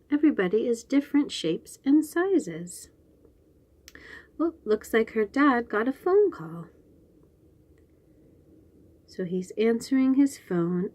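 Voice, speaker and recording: Reading a picture book aloud to little kids, this host uses a fairly high, mellow voice. She sums up the pages in brief, simple phrases and poses questions to her listener.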